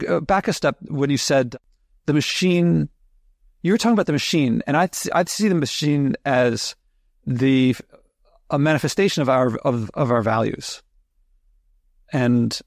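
A man hosting a podcast interview, asking questions in a halting, stuttering way as he searches for words. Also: medium pitch, creaky, no room sound, studio quality. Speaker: podcast host. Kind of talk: conversational interview.

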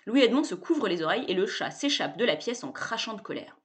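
A woman narrating a children's story in a playful, expressive way. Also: mid-range voice, brisk.

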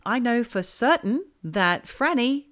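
A woman hosting a podcast in casual chat, telling stories in an animated, chatty way. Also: a little high, slow pace. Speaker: podcast host.

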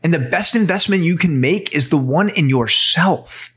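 A man hosting a podcast, speaking in an energetic, motivational way as he introduces a guest and opens the interview. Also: a little high, moderate pace, breathy edge. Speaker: podcast host.

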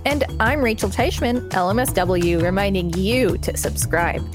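A woman's voice: medium pitch, expressive, moderate pace, music in the background. A woman co-hosting a podcast, chatting in a dry, teasing way. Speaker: podcast co-host. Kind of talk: casual podcast chat.

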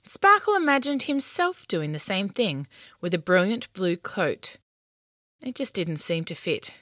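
A woman narrating a children's story in an expressive, lilting read-aloud manner. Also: mid-range voice, measured pace, no echo, studio quality.

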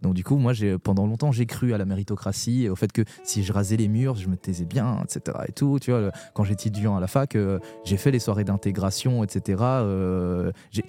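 A young French poet appears as a guest on a podcast, talking frankly yet hesitantly in casual conversation, full of pauses and restarts. His voice is lowish and warm, with soft music behind him.

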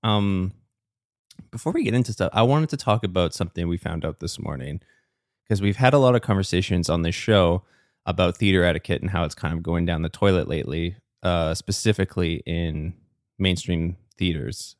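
A man with a very low, deep voice that sounds a little strained today. He co-hosts a podcast in easygoing, rambling chat. The sound is dry and close, with no room around it. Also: normal speed, no echo. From Canada. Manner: relaxed, rambling storyteller. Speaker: podcast co-host. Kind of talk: casual chat.

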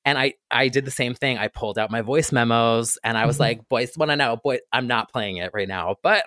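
A man's voice: mid-range voice, normal speed, pushed and bright, no room sound. Guy telling how he made a remix, eager, acts out what he was thinking, dry no-room sound. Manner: eager storyteller, acts out his own past thoughts. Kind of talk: casual interview chat.

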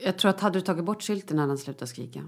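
A woman's voice: fairly low pitch, lively intonation, breathy edge. Joking woman in a casual chat. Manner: joking, teasing, quick reactions.

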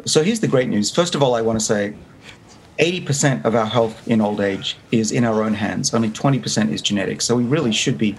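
An earnest Australian man in his fifties describes his research as a guest on a remote interview, restarting many times. His lowish voice is brisk, and the rough recording has faint background noise.

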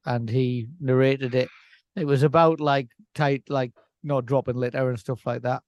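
A man's voice: mid-range voice, fairly even intonation, moderate pace, a little mellow, no room sound. Laid-back man, dry close sound. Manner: laid-back, rambling, laughs often. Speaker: podcast co-host. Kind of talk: casual chat.

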